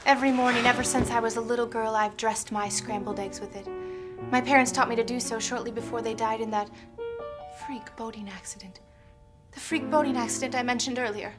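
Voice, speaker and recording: A woman's voice: fairly high pitch, fairly even intonation, a little fast, over music, natural voice. A woman playing a melodramatic damsel in distress in a noir parody, earnest and theatrical. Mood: earnest, dramatic. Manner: earnest, theatrical, overdramatic delivery. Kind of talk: noir parody audio drama.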